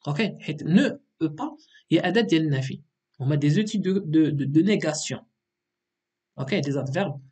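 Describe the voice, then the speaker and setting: A man's voice: fairly high pitch, darkish tone, slightly rough. A man with a Moroccan accent teaching an exam revision lesson, explaining patiently and checking in with frequent "ok".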